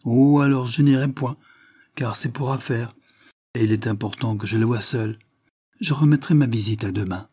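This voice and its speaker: A man reading as a courteous gentleman lawyer. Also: mid-range voice, moderate pace, no echo, studio quality, lightly acted.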